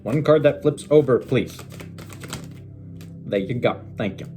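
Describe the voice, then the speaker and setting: A man's voice: mid-range voice, measured pace, warm tone. A man giving a casual tarot reading from a desk in his bedroom. He chats to viewers in a loose, rambling way, mutters to himself and swears when the cards won't cooperate. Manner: chatty, swears when frustrated, muttering asides. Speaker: tarot reader. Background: music playing on a TV.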